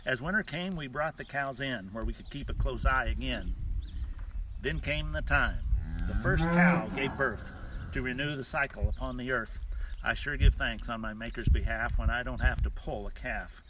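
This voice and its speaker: A man, a rancher, reciting rhymed cowboy poetry in a measured, sing-song delivery. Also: medium pitch. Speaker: rancher hosting a live stream from a ranch. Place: outdoors on a cattle ranch. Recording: distant mic outdoors, noisy with bawling cattle. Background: cattle mooing.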